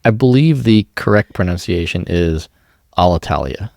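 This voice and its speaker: A man co-hosting a podcast, telling his own travel stories in a relaxed way. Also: sits low, moderate pace, vocal fry, no room sound, clean studio sound. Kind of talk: podcast conversation.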